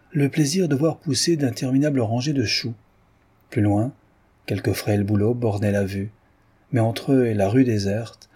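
A man reading a classic novel aloud as audiobook narration, in a measured, descriptive manner. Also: fairly low pitch, warm tone, husky. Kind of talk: scripted narration.

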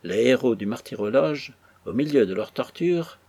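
A man narrates a classic novel in a husky, mid-range voice. His reading is measured and expressive, shaping each long sentence with care. The recording is dry and close. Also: mid-range voice, no echo. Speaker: audiobook narrator. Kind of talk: literary audiobook reading.

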